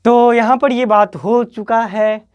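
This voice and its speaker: A male teacher with a Bihari accent explains a story to board exam students, acting out its quoted lines, his voice swinging between loud and soft. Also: very high voice, steady tone, slow, clear, resonant tone, muffled recording.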